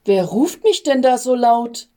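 A woman's voice: on the high side, lively intonation, measured pace, dark tone, pitched above the performer's own voice. A woman voicing an anxious, tender-hearted young male angel in a storybook reading, with a fretful, pleading manner. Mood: puzzled.

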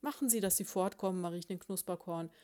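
A woman voicing a stingy, grumpy male hamster farmer who snaps, blusters and shouts in complaint. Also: lowish voice, quick pace, natural voice. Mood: grumbling tirade. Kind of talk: audiobook character voice.

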